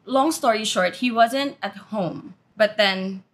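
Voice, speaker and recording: A woman tells ghost stories from her family as a podcast co-host. She keeps it casual and laughs often, even at the creepy parts. Her pitch sits in the middle. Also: slow. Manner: giggly, animated storyteller. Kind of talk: casual storytelling chat.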